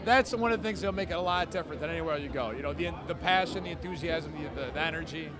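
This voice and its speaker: High-voiced enthusiastic man, crowd around him. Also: fast. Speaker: wrestling ring announcer being interviewed. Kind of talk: casual interview chat. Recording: outdoor urban crowd and traffic noise.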